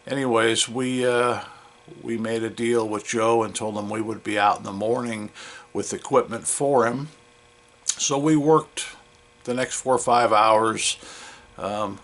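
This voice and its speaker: Relaxed older man spinning a story. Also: fairly low pitch, vocal fry. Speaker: vending business owner. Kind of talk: casual storytelling to camera.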